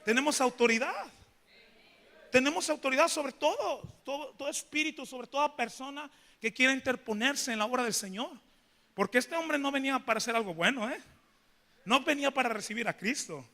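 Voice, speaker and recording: A man's voice: very high voice, animated, fairly quick, sharp tone. A man preaching a sermon in church, telling a story and putting questions to the congregation. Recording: reverberant church hall.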